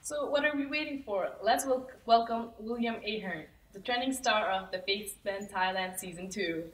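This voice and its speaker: A young woman co-hosting a talk show, enthusiastic and lively, recorded in an echoey room away from the mic. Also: medium pitch, moderate pace, noisy background. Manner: bright, enthusiastic. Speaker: co-host. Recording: echoey room, voice from far off, faint music.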